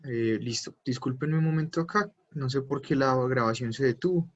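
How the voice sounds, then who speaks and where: A man teaches German online, walking through each step patiently with plenty of fillers. His voice is medium-pitched and his speed normal, heard through dull, lo-fi class audio.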